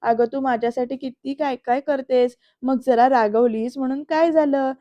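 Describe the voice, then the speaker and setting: A woman voicing a caring young heroine who soothes and coaxes softly in a high, fairly even voice. The recording is dry and a bit dull. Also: normal speed, no echo, natural voice. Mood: soothing. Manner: gentle, coaxing.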